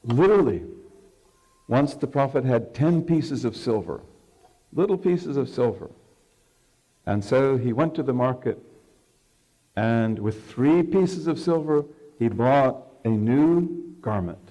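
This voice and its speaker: Man, mellow tone, conversational teacher telling a story to an audience. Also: medium pitch, lively intonation, slow pace, long pauses. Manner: conversational, checks in with the audience using "okay". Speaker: Islamic scholar lecturing. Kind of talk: religious lecture with storytelling.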